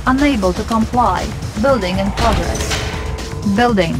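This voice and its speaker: Calm female base computer. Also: mid-range voice, measured pace. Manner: clipped, even status announcements. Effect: processed computer voice. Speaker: in-game announcer. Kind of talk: video game voice prompts. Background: game music and sound effects.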